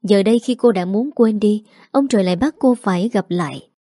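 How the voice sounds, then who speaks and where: Mellow woman narrating a story. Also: medium pitch, fairly quick, no echo, clean studio sound.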